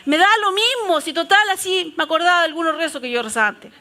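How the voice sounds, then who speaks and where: Bright high-voiced woman pastor preaching. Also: quick pace. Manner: animated storytelling preaching, shifting from loud declarations to soft prayerful tones. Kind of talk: sermon.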